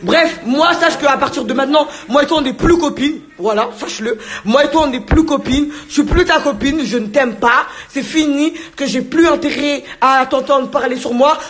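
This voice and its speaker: A woman with a hoarse voice ranting angrily on a phone live stream, hurling insults and threats between bursts of laughter. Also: high voice, normal speed, hardly any pauses. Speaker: livestreamer. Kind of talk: angry live-stream rant.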